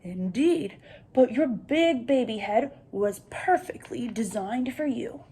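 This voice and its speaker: Woman voicing a gentle, lower-voiced loving dad. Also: takes it slowly, slightly rough, full character voice. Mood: tender, reassuring. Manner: soft, calm, assuring. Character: gentle, loving, reassuring father.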